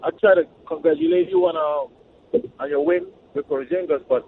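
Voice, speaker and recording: A man calling in to a radio show, talking haltingly with the phone held away from his mouth, so he sounds faint and distant. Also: on the high side, wildly swooping pitch, gravelly. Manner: halting, casual with fillers. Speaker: caller. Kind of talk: call-in to sports radio. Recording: tinny phone line with background noise.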